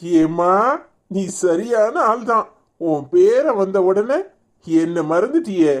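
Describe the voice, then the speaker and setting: A woman's voice: mid-range voice, lively intonation, takes it slowly, darkish tone. A woman voicing a grown son and father in a cartoon, reassuring and mildly scolding, with a Tirunelveli Tamil accent. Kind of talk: cartoon voice acting.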